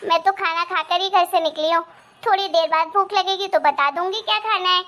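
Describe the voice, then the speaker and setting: Bright, high-pitched cartoon daughter, eager and loyal, voiced by a woman. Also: fairly quick. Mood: insistent. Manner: eager, reassuring. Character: cheerful, loyal young married daughter. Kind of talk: animated cartoon voice acting.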